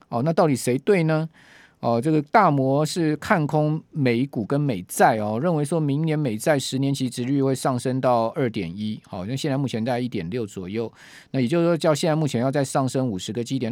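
A male radio host with a Taiwanese Mandarin accent delivers breaking news in a conversational, chatty way. His medium-pitched voice is recorded close and dry, with little room sound. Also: a little mellow, no echo. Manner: frequent sentence-final particles, chatty.

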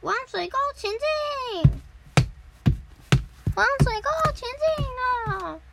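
A woman voicing a clumsy, boastful schoolboy in shrill, over-excited cries. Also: normal speed, very noisy, lightly acted.

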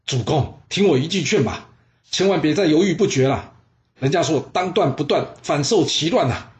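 A man's voice: on the high side, expressive, normal speed, dull audio, voice pushed up, natural voice. A man voicing a scheming, persuasive adviser who coaxes and pushes hard. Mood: urgent. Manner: coaxing, then urgent and shouting. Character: scheming persuasive male adviser, pushy and loud.

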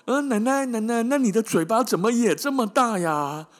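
A man's voice: extremely high pitch, expressive, normal speed, voice pushed up. A man voicing a naive, trusting little girl in a storybook tale, innocent, chatty and full of wonder. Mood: puzzled. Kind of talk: storybook character voice in podcast storytelling.

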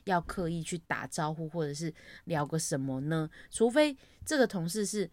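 A woman's voice: low voice, expressive, moderate pace, a little mellow, no room sound. A young woman, chatting casually and acting out her own greetings as she tells an office story. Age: young adult. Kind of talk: casual chat.

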